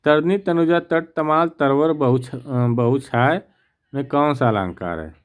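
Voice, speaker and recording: A man's voice: medium pitch, clean tone. A man teaching an exam practice lesson, reading each question and its options aloud, then explaining the answer and checking with the class. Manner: slow, methodical, reads options aloud; repeats "theek na" to check.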